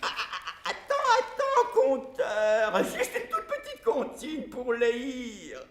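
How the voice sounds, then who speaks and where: A cheeky court jester, played by a man, laughing through his lines in a high voice that leaps all over the place. His talk is playful and sing-song, like nursery rhymes. The sound is an echoing stage. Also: wildly swooping pitch, slow, soft background music, heavily acted. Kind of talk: stage storytelling performance. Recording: echoey stage recording.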